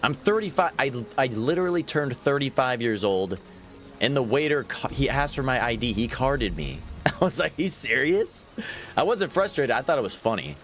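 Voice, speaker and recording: Laughing often, a gaming livestreamer in his thirties answers his viewers in casual chat over live gameplay. He talks at a normal speed, his medium-pitched, slightly bright voice swinging broadly in pitch.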